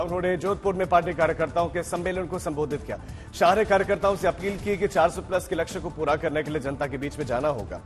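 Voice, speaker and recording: A man working as a news anchor, reading a scripted bulletin. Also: high-pitched. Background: music bed.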